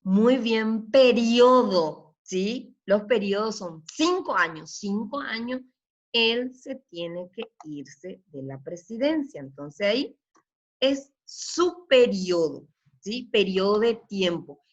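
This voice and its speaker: A woman's voice: medium pitch, animated, takes it slowly. A woman teaching a remote primary school lesson. She explains patiently, checks in constantly with her pupils, and praises their answers often. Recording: slightly dull lo-fi audio.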